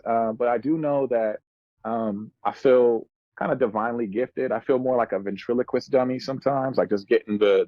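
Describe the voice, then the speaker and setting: A musician in his thirties appears as a podcast guest, telling stories in laid-back, slangy speech that is earnest and reflective. His voice is lowish, and the audio sounds dull with no room sound.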